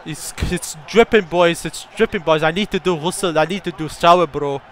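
A young man commentating his own gameplay, telling a story and bursting into excited shouts at the game. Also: on the high side, normal speed. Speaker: gaming YouTuber.

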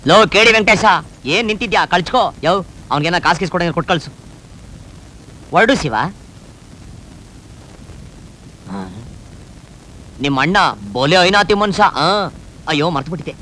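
A man's voice: high-pitched, a little hiss or hum, rough recording. An actor playing a cheeky young village man in a film, talking. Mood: bossy. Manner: fast, cheeky, animated rustic talk. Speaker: village hero in a comedy film. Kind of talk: film dialogue. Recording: film soundtrack with music underneath.

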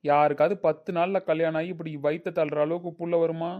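A man's voice: on the high side, little pitch movement, quick pace, narrow, tinny audio. A man playing a grandson in a homemade family drama, exasperated and lecturing.

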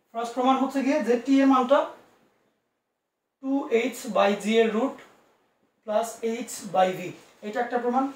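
A man's voice: very high voice, echoey room, recorded from a distance. A man teaching physics in an online class, reassuring his students and coaxing answers out of them with many asides.

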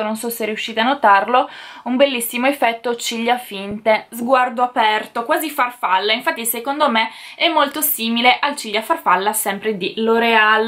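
Speaking with a fairly high pitch and a sharp edge, this beauty vlogger is a young woman addressing her camera. It's a relaxed, excited rundown of what she got for Christmas, and she raves about every item she holds up.

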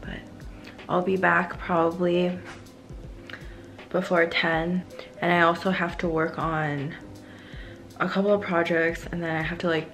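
A woman's voice: low-pitched, fairly bright tone, echoey room. A young woman in her twenties chatting casually to camera in an upbeat vlog, laughing often. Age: 20s. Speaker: vlogger. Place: small indoor room.

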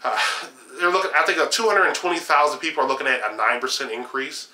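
A young man with a slightly high voice talks fast, delivering sarcastic, opinionated political commentary to camera in a reverberant small room at home, shelves of games behind him. He's animated and gesturing, with frequent fillers and restarts.

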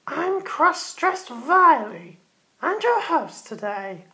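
A woman's voice: high voice, very animated, slow pace, pushed and bright. A woman hosting a Halloween toy car race in a theatrical, teasing way, cackling between lines. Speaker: host.

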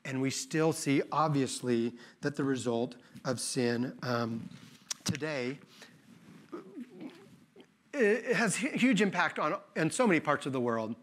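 A man's voice: fairly high pitch, lively intonation. A man in his fifties, a visiting pastor, preaching a conversational sermon in a church, often restarting words and laughing at himself. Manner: conversational, self-correcting, with quick laughs. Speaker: guest pastor. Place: church sanctuary.

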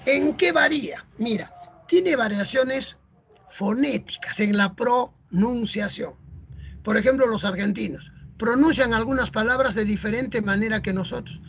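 There's a little hiss or hum behind this unhurried, gravelly mid-range voice. It belongs to a Peruvian teacher with a Peruvian Spanish accent, chattily explaining a lesson and often tacking on rhetorical "¿no?" and "¿ah?".

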